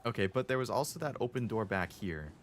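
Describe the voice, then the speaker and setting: Male horror game streamer, deep register, very animated intonation, jumpy and uneasy casual chatter. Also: a little fast, a little hiss or hum. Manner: nervous, uneasy, muttering to himself while playing. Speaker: video game live streamer. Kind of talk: casual chat while playing a horror game.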